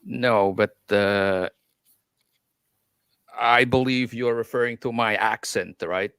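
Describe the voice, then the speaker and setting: A man's voice: mid-range voice, slow pace, a bit bright, clean tone, dry recording, studio quality. A man from Switzerland with a Swiss accent, chatting casually. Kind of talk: casual chat.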